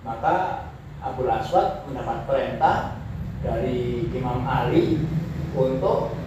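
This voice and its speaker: A man teaching Arabic grammar in a classroom lecture, slowly repeating Arabic phrases to show how the intonation rises and falls. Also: medium pitch. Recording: echoey room, voice from far off, faint noise.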